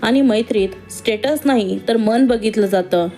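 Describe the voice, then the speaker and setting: A woman's voice: fairly high pitch, normal speed, warm tone, soft background music, natural voice. A woman voicing an outspoken, teasing young woman who has just qualified as a doctor, in a read-aloud story. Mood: lively. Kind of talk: storybook reading.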